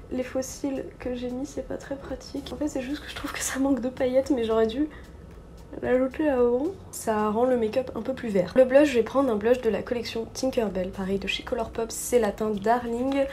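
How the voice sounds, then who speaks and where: A chatty young woman talks through her makeup routine at home, her voice sitting a touch high. She drifts along with fillers and quick self-corrections, in an easygoing vlog tone. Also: slight background noise. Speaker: beauty vlogger. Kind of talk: casual makeup tutorial narration.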